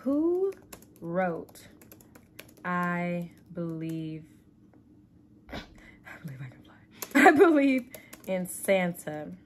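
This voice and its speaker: A woman's voice: fairly low pitch, sing-song, extremely slow, pauses often, slight background noise. A woman reviewing a movie on her channel, exasperated, swearing often and breaking into laughter.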